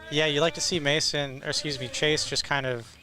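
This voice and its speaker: A man's voice: a little high, fairly even intonation, brisk, bright, forceful tone. A man giving live play-by-play commentary as a baseball announcer.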